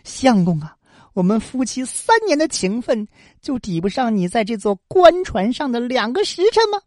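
Woman doing a wronged ferrywoman wife, impassioned, storybook tale, high animated pitch. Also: moderate pace, no echo, clean studio sound. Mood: pleading. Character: devoted young ferrywoman wife, wronged and proud.

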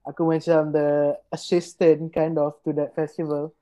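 Slangy young Malaysian man, higher-pitched voice. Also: little pitch movement, normal speed, warm tone. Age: young adult. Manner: slangy mix of Malay and English. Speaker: musician guest. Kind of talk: casual chat.

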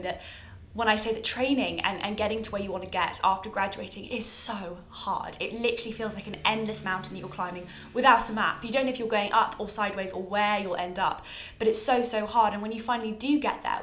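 A woman's voice: medium pitch, a bit bright. A British woman in her early twenties hosting a chatty podcast in an effusive, self-deprecating way, recorded at home under a towel. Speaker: podcast host. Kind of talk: chatty, informal podcast monologue. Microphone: own bought podcast microphone. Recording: echoey homemade podcast recording.

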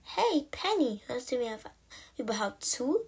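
A woman voicing a small, excited male baby kitten who talks in a squeaky, eager, pleading way, in a storybook. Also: a little slow, slightly rough, exaggerated voice.

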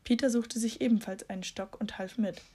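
A woman narrating a children's audiobook in a calm storytelling manner. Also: on the high side, a little fast, slightly rough.

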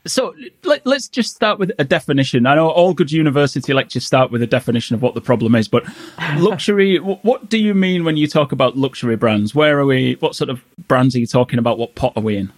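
A man's voice: mid-range voice, lively intonation, fast. A man with a Yorkshire accent, talking casually and self-deprecatingly as a podcast host. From Yorkshire, England. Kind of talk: casual chat.

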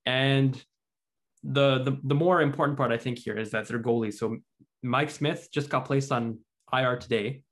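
A man's voice: mid-range voice, steady tone, moderate pace. Chatty man hosting a sports podcast. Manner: chatty, reads out stats and quotes. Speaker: podcast host. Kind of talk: casual sports chat.

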